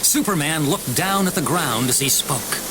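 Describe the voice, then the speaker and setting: A man narrating a children's storybook audiobook with an expressive, varied delivery. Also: fairly high pitch, moderate pace, background noise.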